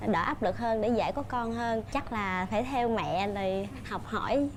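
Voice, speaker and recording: A woman with a somewhat high voice talks openly as a guest on a talk show. She tells her stories plainly over a faint room hum. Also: moderate pace. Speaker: daughter-in-law guest. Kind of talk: casual talk show chat.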